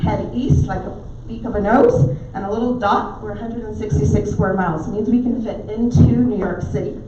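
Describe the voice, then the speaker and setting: This echoey, dull, distant recording captures a middle-aged woman from Barbados, a naturopathic doctor, speaking as a guest at a club meeting held in a pub dining room. Her mid-range voice is steady at normal speed, with a little hiss or hum audible. She tells stories warmly, with filler ums, in a Barbadian accent softened by years in the US.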